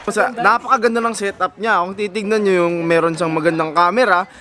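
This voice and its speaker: A man's voice: high-pitched, steady tone, fairly quick, crowd noise. A man with a Filipino accent bantering and teasing his friend during a casual vlog. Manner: joking, playful teasing. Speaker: fellow vlogger.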